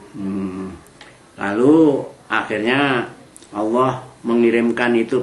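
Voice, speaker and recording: A man giving a Quran exegesis lesson, reciting verses slowly and then explaining them in chatty, colloquial asides. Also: mid-range voice. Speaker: Quran teacher. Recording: echoey room.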